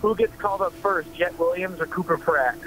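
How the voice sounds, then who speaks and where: A man's voice: high voice, fairly quick, a bit bright, a little hiss or hum. A young man calling into a radio show, sounding faint and muffled over the phone line, and talking hesitantly with lots of fillers. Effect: muffled phone call heard over the studio, faint and underwater-sounding. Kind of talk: casual call-in chat. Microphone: phone or headset on a call.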